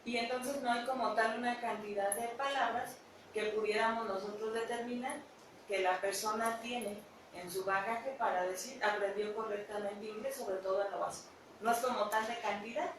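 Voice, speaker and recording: A woman hosting an educational radio talk, explaining in a measured way. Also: medium pitch, steady tone. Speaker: radio host. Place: radio studio. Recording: echoey room, distant mic, noisy.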